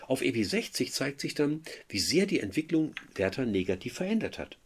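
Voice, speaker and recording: Gravelly-voiced man explaining a novel. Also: medium pitch, sing-song, brisk. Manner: conversational, explanatory, with tag questions. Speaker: teacher. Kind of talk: literature lesson.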